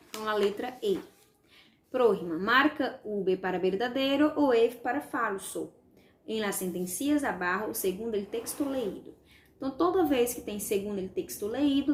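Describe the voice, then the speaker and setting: A woman's voice: a little high, a little hiss or hum. Brazilian woman teacher, echoey room. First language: Portuguese. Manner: explanatory, repeats words slowly, checks with "tá?" and "vale?". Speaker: Spanish teacher. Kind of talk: recorded online class, correcting exercises.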